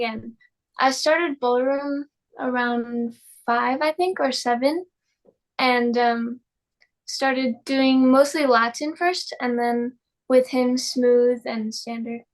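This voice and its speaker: Slow-talking teenage girl, high voice. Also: steady tone, rough recording. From Hong Kong. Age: teens. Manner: easygoing, hesitant, many "um"s. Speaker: guest. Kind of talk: interview answers.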